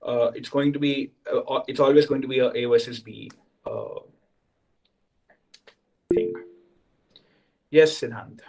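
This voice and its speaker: A man's voice: mid-range voice, fairly even intonation, a little slow, long pauses, darkish tone, a little hiss or hum, rough recording. A young man, a senior student explaining things to new students on a video call and checking in with "right?". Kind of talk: orientation talk to students.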